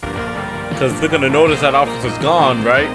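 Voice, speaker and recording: A man's voice: mid-range voice, normal speed, over music. A man hosting a reaction video, commenting casually and incredulously in slangy talk addressed to the characters.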